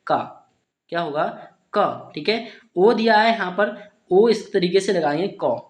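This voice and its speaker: Spelling out English words letter by letter for beginners, a male tutor with a high voice speaks a little slowly. He keeps saying "ठीक है" and often asks a question only to answer it himself, all in a roomy, echoing space.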